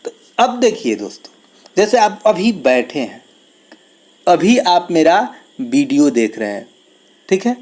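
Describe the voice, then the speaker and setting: A man gives an exam-prep grammar lesson in English, reading sentences slowly before explaining them step by step and calling his viewers friends. His voice sits on the high side, very animated, with a darkish tone.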